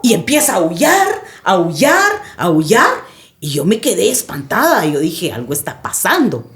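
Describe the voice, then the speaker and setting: A woman's voice: mid-range voice, sing-song, measured pace, a bit bright, echoey room. A woman guest on a podcast recounting a personal experience in vivid, dramatic storytelling.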